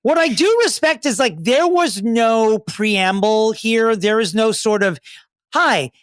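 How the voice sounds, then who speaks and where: A man's voice: sits high, unhurried, no room sound, clean studio sound. Sardonic, campy man co-hosting a podcast. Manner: campy, sardonic, swears freely. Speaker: podcast co-host. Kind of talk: casual pop culture chat.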